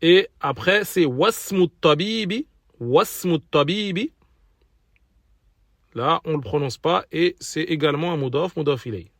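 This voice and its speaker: A man's voice: on the high side, unhurried, a bit bright, dry recording, studio quality. A man teaching an Arabic lesson in French, patiently repeating and spelling out pronunciations for learners. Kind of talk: recorded language lesson.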